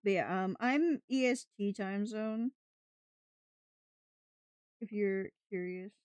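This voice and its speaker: Chatting casually with her livestream viewers, this woman from New England fakes a British accent and rambles with lots of giggles. She speaks slowly at a medium pitch, with a slightly mellow, clear, resonant voice and no echo.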